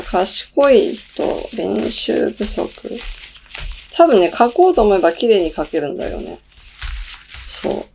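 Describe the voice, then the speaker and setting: A woman's voice: a little high, mellow. A middle-aged woman hosting her own channel, reading tarot cards and chatting casually, thinking aloud with many fillers. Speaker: tarot reader and channel host. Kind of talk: casual solo talk.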